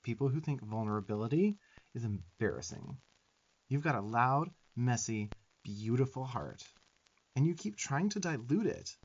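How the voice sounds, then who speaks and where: A male performer plays a snarky little demon twink in an ASMR roleplay, ordering the listener about with fondness. His youthful mid-range voice, a little mellow with a breathy edge, rises and falls with sassy, emphatic tough love and plenty of blunt swearing, heard through slightly dull sound.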